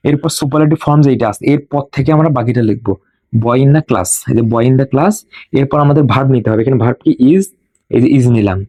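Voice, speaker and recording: Bengali grammar teacher guy, slow repeating drill style, dark mellow voice, dry close sound. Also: mid-range voice, dry recording. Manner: slow and drilling, repeats rules for students to memorize. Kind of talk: classroom lesson.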